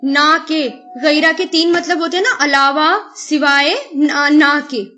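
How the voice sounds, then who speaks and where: Woman, Quran teacher, high voice, word-by-word explanation, patient. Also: steady tone, pushed and bright. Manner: slow, explains each Arabic word, then glosses it in Urdu with English words mixed in; asks rhetorical questions to the listener. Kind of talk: word-by-word Arabic grammar and tafseer lesson.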